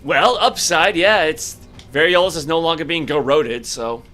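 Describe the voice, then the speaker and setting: A man's voice: on the high side, normal speed, bright, forceful tone, faint music behind. A man casually commentating a game as he plays, thinking aloud and reacting to each turn. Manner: musing, thinks aloud while playing. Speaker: gameplay commentator. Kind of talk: casual let's-play commentary.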